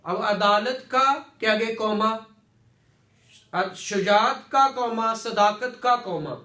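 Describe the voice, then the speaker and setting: A man's voice: high voice, slow pace, bright, forceful tone. A man teaching a classroom lecture, repeating words and quizzing students with questions. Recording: echoey room, distant mic.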